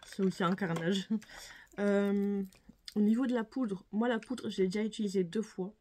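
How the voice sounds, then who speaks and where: A woman's voice: medium pitch, fairly even intonation, normal speed, dark tone, a little hiss or hum. A young woman chatting casually to camera as a beauty vlogger, full of fillers and restarts. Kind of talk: casual makeup review to camera.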